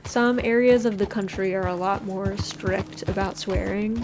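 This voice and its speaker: A woman's voice: medium pitch, fairly even intonation, unhurried. An American woman chatting casually on a game livestream in a chilled, cozy way. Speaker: game streamer. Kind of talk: casual livestream chat over gameplay. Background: game music, horse hooves and animal sounds.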